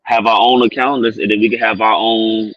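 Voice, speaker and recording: A man's voice: on the low side, little pitch movement, fairly quick, dry recording. A man chatting casually and plainly as a dating show contestant, over dull call audio. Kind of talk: casual chat.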